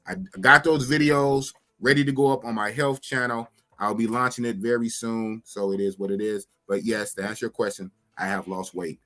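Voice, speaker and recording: Speaking on the low side at a normal speed with few pauses, a man in his fifties hosts a live podcast. He's animated, addresses his chat directly, and keeps repeating phrases in this casual live-stream conversation.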